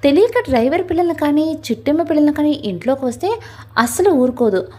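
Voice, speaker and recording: A woman's voice: sits high, a little mellow. A woman voicing a young wife and mother who speaks sadly and resignedly. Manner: sad, resigned.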